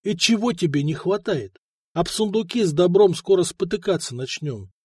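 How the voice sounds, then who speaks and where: A man's voice: sits high, lively intonation, moderate pace, slightly rough, dry recording, clean studio sound, voice pushed up. A man voicing a bluff, good-natured blacksmith husband who teases and boasts. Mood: exasperated.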